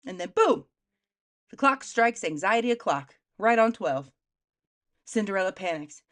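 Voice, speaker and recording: Sarcastic woman with a lively, swooping voice. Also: mid-range voice. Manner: sarcastic, slangy, quick asides. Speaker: comedic storyteller. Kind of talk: sarcastic comedic retelling of a fairy tale.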